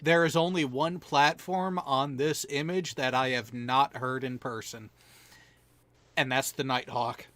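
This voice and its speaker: A man's voice: mid-range voice, fairly even intonation, unhurried, a bit bright. A man in casual banter with other veterans, explaining things earnestly and in detail.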